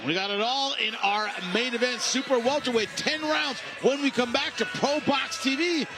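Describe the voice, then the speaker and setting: A man's voice: very high voice, normal speed, over loud music. A man hosting live boxing commentary in emphatic, punchy short phrases. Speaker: boxing play-by-play commentator and broadcast host.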